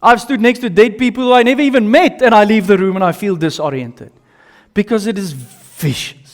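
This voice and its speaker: With a high-pitched, brisk voice, a man with an Afrikaans South African accent preaches a sermon in emphatic short phrases, repeating himself and questioning his listeners. The sermon uses slides and audience questions, and the recording has a long hall reverb.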